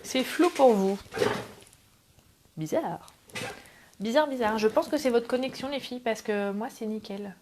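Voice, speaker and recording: A woman's voice: on the high side, animated, unhurried, long pauses, a little mellow, slight background noise. A middle-aged woman hosting a casual live craft tutorial, chatting with viewers and greeting them by name between steps. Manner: chatty, greets viewers, self-deprecating asides. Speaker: craft livestream host. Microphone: camera on tripod.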